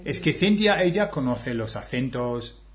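Slow, animated man. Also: medium pitch. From England. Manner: animated, hesitant restarts. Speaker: video host. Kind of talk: casual chat.

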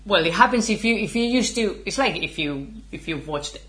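A woman's voice: mid-range voice, lively intonation, a little fast, fairly bright tone. Chatty woman teaching. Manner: chatty, laughs often, switches between Spanish and English. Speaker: Spanish teacher. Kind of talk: casual language lesson.

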